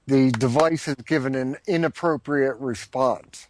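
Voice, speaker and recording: A man's voice: medium pitch, a little slow, a little mellow, a little hiss or hum. A man joining a casual chat from afar as a guest, dry and matter-of-fact as he recounts things. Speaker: remote guest.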